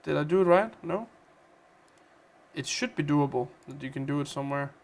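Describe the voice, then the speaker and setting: A man's voice: fairly high pitch, moderate pace, a little hiss or hum. A man with a Danish accent hosting a casual gaming livestream, chatty and playful as he reads out and answers viewer comments. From Denmark. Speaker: livestream host.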